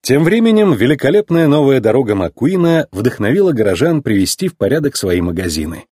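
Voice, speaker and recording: A man reading a children's storybook aloud with lively expression. His husky voice moves a lot in pitch, and the recording is dry and close with no room. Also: a little fast, dry recording. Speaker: narrator.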